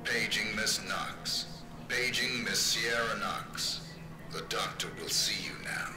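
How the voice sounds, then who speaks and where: Calm hospital PA announcer, soft low page, echoey speaker, music underneath. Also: male voice. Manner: calm, slow, hushed paging. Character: hospital loudspeaker announcer paging a patient. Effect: soft public-address announcement. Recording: echoey loudspeaker with game music.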